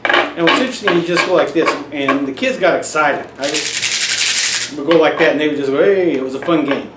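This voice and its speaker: A man's voice: on the high side, fairly quick. A middle-aged man giving parents casual, folksy tips on teaching children numbers, often restarting his phrases. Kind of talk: casual instructional demonstration. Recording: roomy echo, off-mic, faint hiss.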